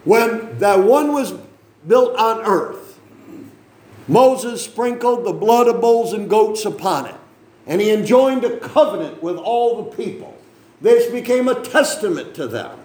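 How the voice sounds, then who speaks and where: A preacher with a high yet darkish voice speaks animatedly and a little slowly in a roomy-sounding space. He reads scripture, explains it conversationally, questions the congregation often, and adds joking asides.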